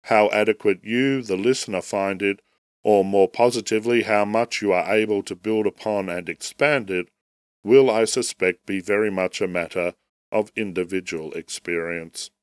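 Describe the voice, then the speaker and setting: A podcast host with a fairly low voice, left raspy and nasal by the end of a head cold, reads a prepared theology essay. His delivery is slow, measured, formal, and deliberate, and the recording is close and dry with no room sound.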